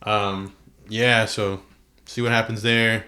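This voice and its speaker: A man's voice: fairly low pitch, little pitch movement, takes it slowly, sharp tone. A man hosting a podcast in a casual, slangy chat, peppering his talk with "dude" and "like". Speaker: podcast host. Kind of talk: casual chat about wrestling.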